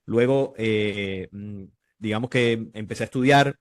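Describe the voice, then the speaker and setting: A man from Colombia, a guest calmly explaining in an interview. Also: on the low side, unhurried, no echo, clean studio sound. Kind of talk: casual interview chat.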